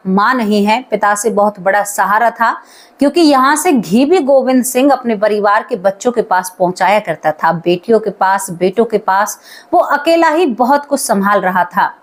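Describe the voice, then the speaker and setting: A woman telling a horror story aloud in a conversational way, talking directly to her listeners as friends. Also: a little high.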